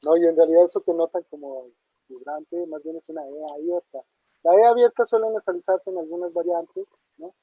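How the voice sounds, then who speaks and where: In a casual academic talk, a man fields audience questions, thinking aloud with lots of fillers and tag questions. His voice is fairly high, quick, mellow and a little rough, with no echo, though the online audio sounds dull and muffled.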